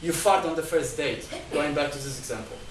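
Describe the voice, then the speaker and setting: In this indoor lecture-style talk to a discussion group, a male guest speaker, not a native Chinese speaker, works through numbered points, often restarting and repeating words. He sounds a little high and brisk. The recording comes from a distant mic in an echoey room, with a little hiss or hum.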